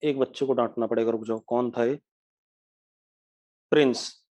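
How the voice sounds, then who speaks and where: Male physics teacher, brisk and scolding, live online lecture. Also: mid-range voice, steady tone, darkish tone. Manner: brisk, scolds students by name.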